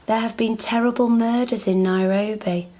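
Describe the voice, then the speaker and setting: In a naturalistic radio drama, a woman plays a nosy, wry British character who is curious and playful as she rummages through an estate, with parts read aloud. Her natural voice is a little high and dark in tone, with fairly even intonation and a moderate pace.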